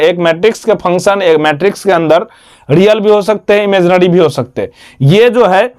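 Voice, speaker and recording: A man's voice: sits high, darkish tone. A man teaching a math lesson, repeating each term and asking and answering his own questions. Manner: repetitive, quizzes himself with questions and answers.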